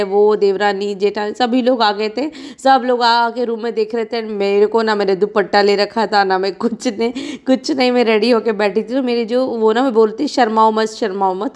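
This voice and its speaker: A woman in her thirties from India, a vlogging mother chatting frankly and rambling as she talks over her own footage. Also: mid-range voice. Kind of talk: casual chat narrating vlog footage.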